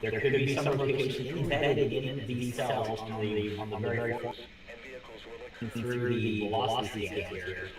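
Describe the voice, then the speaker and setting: A man's voice: mid-range voice, fairly even intonation. Man on a phone with heavy echo from a second device. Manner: halting, repeats words while reading radar. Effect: echo from a second device feeding back. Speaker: storm spotter calling in. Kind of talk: live weather call-in report. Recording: heavy echo, distant phone mic, background chatter.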